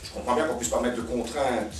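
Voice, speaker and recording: A mid-range male voice, a little fast, delivers spontaneous argued commentary as the invited expert at a political round-table. He sets out his reasoning didactically and repeats words for emphasis. Crowd noise and music sit behind the echoey, distant-miked recording from a roomy indoor cafeteria.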